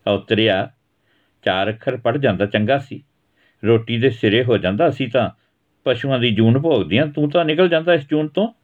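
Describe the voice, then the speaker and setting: A man's voice: mid-range voice, moderate pace, recorded from a distance, narrow, tinny audio, pitched above the performer's own voice, natural voice. A man voicing a village mother who nags and scolds sarcastically in a storybook reading. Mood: scolding. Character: sharp-tongued village mother.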